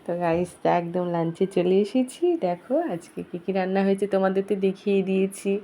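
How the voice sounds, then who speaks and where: A young woman chatting to viewers in a casual family vlog at home, her voice slightly hoarse, filmed on a phone. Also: medium pitch, little pitch movement, fast, dark tone. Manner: chatty, addresses viewers directly. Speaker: vlogger. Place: home, indoors.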